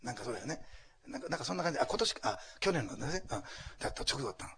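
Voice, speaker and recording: A man pastor preaching a sermon to a congregation and leading a prayer, animated and dropping to whispers for emphasis. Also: mid-range voice, racing, gravelly. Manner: animated, acts out quotes, drops to whispers. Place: church hall before a congregation.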